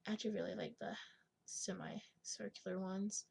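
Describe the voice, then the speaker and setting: A young woman with a raspy smoker's voice giving a casual screen tutorial, thinking aloud in informal, slangy speech and often clearing her throat. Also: mid-range voice, fairly even intonation, normal speed, darkish tone. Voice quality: husky smoker's rasp with gravelly creak. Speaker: digital art tutorial host.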